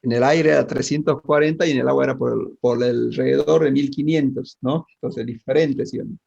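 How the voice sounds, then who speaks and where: A male physics teacher, talking through a lesson and tossing question after question at his class. His voice is gravelly and husky at a middle pitch. It comes through a dull, lo-fi mic. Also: steady tone, brisk, darkish tone. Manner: asks the class questions constantly, with many tag questions. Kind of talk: online class lecture.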